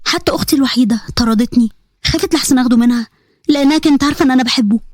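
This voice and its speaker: Woman playing young egyptian student, hurt and stubborn, high voice, very fast, storybook. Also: no room sound, studio quality. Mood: confiding. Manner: earnest, emotional, quick. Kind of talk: storybook narration.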